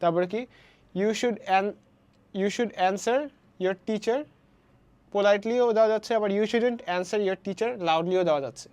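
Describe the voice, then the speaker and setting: A woman from Bangladesh teaching a primary English lesson online. She mixes Bangla and English and reads the example sentences slowly. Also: medium pitch, darkish tone.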